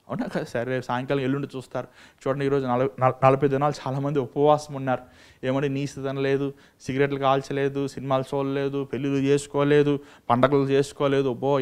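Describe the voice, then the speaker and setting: A male evangelist preaching a sermon with passion, firing rhetorical questions and swinging from low asides to loud, emphatic calls. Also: clear, resonant tone. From India. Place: church or prayer meeting.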